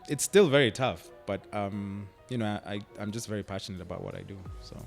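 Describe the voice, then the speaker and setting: Gravelly and on the low side, a young Kenyan actor's voice moves fairly quickly over soft background music in a radio interview. He keeps the chat relaxed, laughing often and saying "like" and "I mean" frequently.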